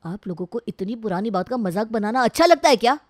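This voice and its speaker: A woman's voice: mid-range voice, vocal fry, a little mellow, no room sound, natural voice. Brief: woman voicing a moody young husband, storybook, emotional, dry close sound. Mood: angry. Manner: emotional, quick to anger. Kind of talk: storybook voice acting.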